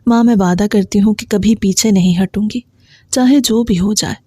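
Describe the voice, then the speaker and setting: A woman's voice: mid-range voice, warm tone, breathy edge, no room sound, natural voice. A woman reading the lines of an anxious but determined teenage daughter who speaks earnestly and pleadingly.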